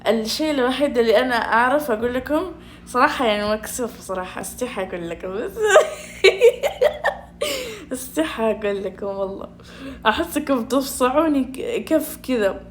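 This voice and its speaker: A woman's voice: fairly high pitch, fast talker, a little hiss or hum. A woman, streaming a game from home and chatting playfully with her viewers. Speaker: gaming streamer. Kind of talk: casual gaming commentary.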